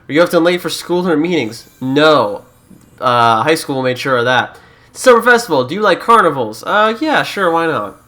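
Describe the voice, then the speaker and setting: A man's voice: medium pitch, a bit bright. A young Canadian man who is a YouTuber, chatting casually through a let's-play, joking and reading game prompts aloud.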